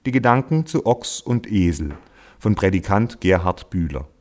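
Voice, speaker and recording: A man reading a Christmas devotional story aloud in a calm, measured way, slowing down for quotations. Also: low-pitched. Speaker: reader.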